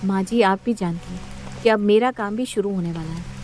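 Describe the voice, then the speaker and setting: A woman's voice: mid-range voice, normal speed, darkish tone, faint music behind, lightly acted. A woman voicing an earnest young working mother and daughter-in-law in a cartoon story.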